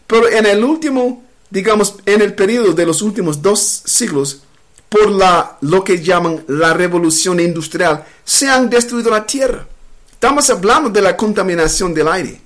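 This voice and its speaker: A man with a fairly high voice leads a live-streamed bible study. He reads scripture aloud and then explains it, stopping and restarting often as he talks. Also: fairly bright tone. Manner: halting, many fillers and restarts. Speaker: bible teacher.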